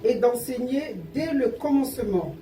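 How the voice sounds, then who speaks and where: A woman reading Bible verses aloud haltingly, stumbling and correcting herself. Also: high voice, lively intonation, mellow, soft background music. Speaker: scripture reader. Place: church service over a sound system. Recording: roomy, distant pickup with faint noise.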